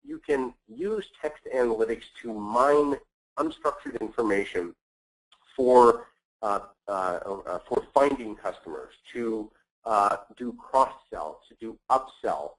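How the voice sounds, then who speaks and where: A man hosting and presenting a business webinar, speaking in a measured way with frequent filler words. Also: on the low side, expressive, rough recording. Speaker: webinar host.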